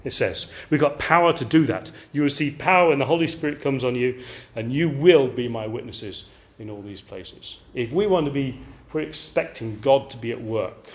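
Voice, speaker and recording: Animated older male preacher. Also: medium pitch, moderate pace. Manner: animated, asks the audience rhetorical questions. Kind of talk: sermon.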